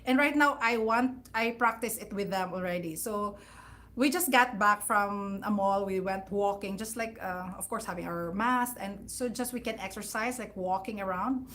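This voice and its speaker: A woman's voice: mid-range voice, moderate pace, fairly bright tone. A woman, chatting casually as a host on a livestream about parenting and often laughing.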